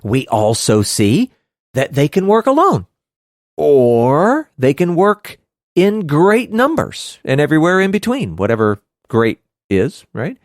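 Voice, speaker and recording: Animated, laughing male Bible podcast host. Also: fairly high pitch, slow pace, dry recording, clean studio sound. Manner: animated, laughs often, hammy outbursts. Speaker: podcast co-host teaching scripture. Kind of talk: casual Bible study discussion.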